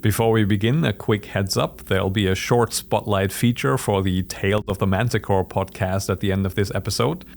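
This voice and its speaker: Low-voiced man narrating a tabletop story. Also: fairly even intonation, vocal fry, slight background noise. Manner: measured, descriptive storytelling. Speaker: host and narrator. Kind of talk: scripted narration of a solo tabletop game.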